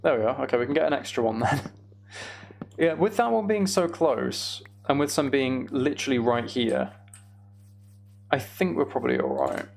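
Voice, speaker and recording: Here a man with a creaky, mid-range voice talks at a moderate pace. He's livestreaming gameplay and thinking aloud, muttering to himself as he figures things out.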